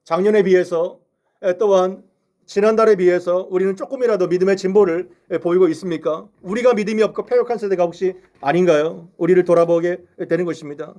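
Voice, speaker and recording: Male pastor, sermon delivery, fairly high voice, earnest rhetorical questions to the congregation. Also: steady tone, brisk, dark tone. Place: church sanctuary.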